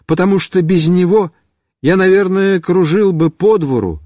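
A man's voice: sits high, lively intonation, normal speed, mellow, no room sound, clean studio sound. A man narrating a children's story in the first person, telling it animatedly as a storyteller.

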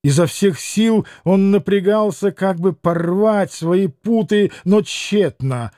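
A man reads a classic novel aloud in a measured, expressive way. His voice is pitched high for a man. The sound is close and dry, with no room echo. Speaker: audiobook narrator. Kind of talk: scripted literary narration.

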